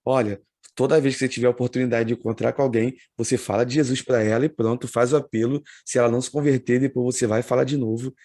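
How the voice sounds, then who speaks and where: A podcast host, a man with a gravelly, fry-edged voice. He sounds dry and close, with no room around him. He muses thoughtfully and speeds up when pressing a point. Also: medium pitch, steady tone, quick pace, dark tone, dry recording. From Brazil. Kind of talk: casual interview talk.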